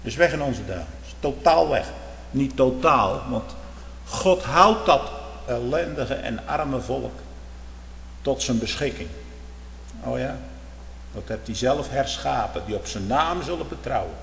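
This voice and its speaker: A fervent man preaches with a cadence, firing off rhetorical questions and swinging between loud outbursts and low murmurs. His voice rings through a large, echoey hall with a long reverb and a faint hum underneath. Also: lively intonation, unhurried, creaky, pauses often. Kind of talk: sermon. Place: church.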